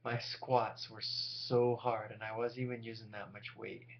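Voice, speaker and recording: Speaking a little slowly with vocal fry, a man in his forties delivers a lowish, nearly monotone monologue to his viewers. The vlogger is exhausted from lack of sleep and talks candidly, rambling and poking fun at himself. A loud hum runs under the dull, lo-fi recording.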